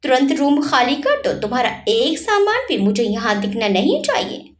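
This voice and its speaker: A woman's voice: high-pitched, sing-song, moderate pace, echoey room. A woman voicing a curt, irritated young man in a narrated story. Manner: curt, snapping.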